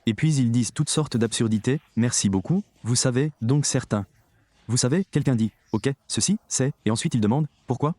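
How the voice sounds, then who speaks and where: A man's voice: medium pitch, normal speed, warm tone, dry recording. A man preaching a sermon, talking emphatically and straight to his audience. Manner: emphatic, addresses the audience directly.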